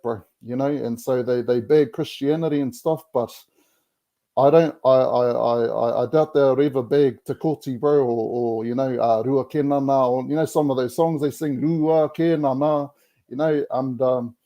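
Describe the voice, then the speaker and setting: A man's voice: mid-range voice, steady tone, moderate pace, dark tone, highs cut off. A man with a broad New Zealand accent talks in a casual, reflective way, very colloquial and mixing Māori words into his English. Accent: broad Kiwi, Māori New Zealand English. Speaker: podcast guest.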